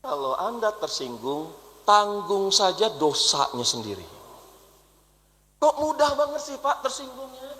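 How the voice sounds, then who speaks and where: Young male preacher, very high and bright, animated mosque sermon, echoing hall. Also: a little slow. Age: young adult. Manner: lively preaching, repeating phrases, mimicking voices in quoted dialogue.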